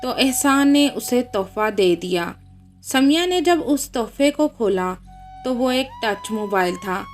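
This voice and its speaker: Slow, measured woman storyteller. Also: a little high, lively intonation, soft background music. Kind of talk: scripted story narration.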